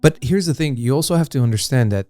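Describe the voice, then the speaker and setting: A man's voice: medium pitch, animated, fast talker, darkish tone, dry recording, soft background music. A man co-hosting a casual history podcast, talking in a rambling way with many fillers and restarts. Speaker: podcast co-host.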